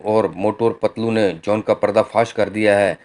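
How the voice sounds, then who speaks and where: A man's voice: fairly low pitch, little pitch movement, moderate pace, darkish tone, natural voice. Inspector Chingam, a man reading as a cartoon cop. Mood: formal. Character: confident male cartoon police inspector.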